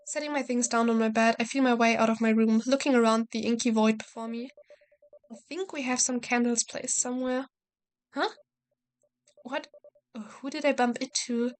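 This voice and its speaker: A woman's voice: fairly high pitch, steady tone, moderate pace, clean tone. A woman playing a visual novel, reading the text aloud and adding casual, joking commentary. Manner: casual, joking, swears and laughs at herself.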